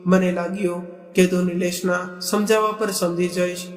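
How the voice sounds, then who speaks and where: A man voicing a weary father fed up with his proud daughter in a read-aloud storybook, in a plain, even manner. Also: high-pitched, normal speed, roomy sound, long reverb tail, soft background music, natural voice.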